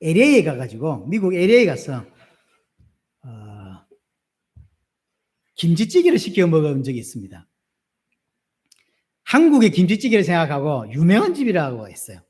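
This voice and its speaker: A middle-aged male pastor with a Gyeongsang Korean accent preaches a sermon in a high, strongly swinging voice. He throws questions out to the congregation and answers them himself with animated emphasis. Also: normal speed, long pauses.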